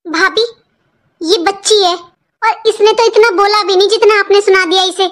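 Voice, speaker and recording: A woman's voice: very high voice, steady tone, moderate pace, a bit bright. A woman playing a mother who defends her daughter against her sister-in-law in a family drama. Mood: reproachful. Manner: firm, reproachful.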